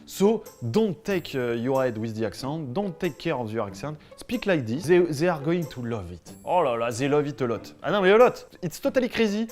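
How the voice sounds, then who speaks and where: Brief: actor playing a smug high school English teacher, French accent in English, deadpan comedy monologue, pitched a bit high, faint music behind. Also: male voice, moderate pace, hardly any pauses. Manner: deadpan, self-assured, mixes French and English.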